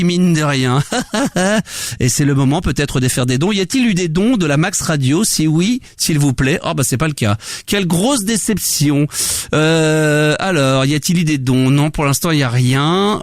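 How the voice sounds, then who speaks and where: A man's voice: fairly high pitch, no echo. A man hosting a free-form radio show from a studio, talking in a rambling, hesitant, chatty way with casual swearing. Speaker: radio host.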